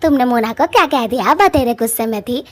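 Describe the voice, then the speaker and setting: A woman's voice: a little high, expressive, fairly quick, a bit bright. A woman voicing a fussy, gossipy middle-aged mother in a cartoon, nagging in rustic folksy speech. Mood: pleading.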